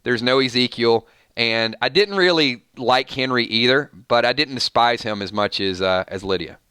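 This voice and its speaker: A man hosting a live fan reaction stream, his voice bright and crisp. He talks excitedly and rambles, often restarting his sentences. The sound is dry and close. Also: medium pitch, moderate pace, no echo. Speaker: channel host.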